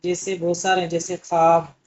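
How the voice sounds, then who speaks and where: A man's voice: high-pitched, monotone, a little fast, a little mellow. Guy teaching urdu for an exam, patient, quizzes then answers himself, kinda muffled recording. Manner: explains patiently, asks questions and answers them himself. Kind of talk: exam-prep lesson. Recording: muffled lo-fi audio.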